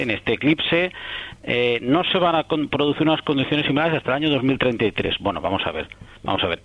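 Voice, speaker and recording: Man on muffled radio. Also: medium pitch. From Catalonia. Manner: thoughtful, rambling, many restarts and tag questions. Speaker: astronomer guest. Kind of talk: radio interview answers.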